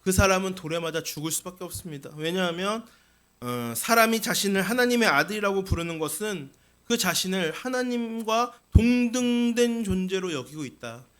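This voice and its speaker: Expressive and clear, the senior pastor's high, resonant voice carries his Sunday sermon through the church sanctuary at normal speed, bright and forward throughout. He addresses listeners earnestly and directly, often with rhetorical questions.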